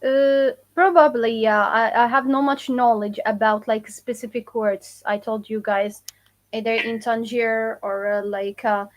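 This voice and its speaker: Lady doing a live language lesson, kinda high voice, says words over and over for viewers. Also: steady tone. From Morocco. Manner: casual, repeats phrases slowly for learners; answers viewer questions. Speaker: Moroccan Arabic teacher.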